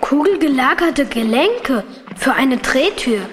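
Eager, high-voiced, lively young girl. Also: slow pace, background noise. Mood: curious, excited. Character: eager, observant young sister on an adventure. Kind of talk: children's audio drama acting.

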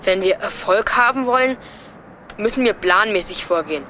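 Methodical boy ringleader, decisive, explanatory, children's audio drama, mid-pitched, faint background noise. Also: lively intonation, normal speed, bright, forceful tone. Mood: planning, decisive. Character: bossy, methodical young boy leading his siblings.

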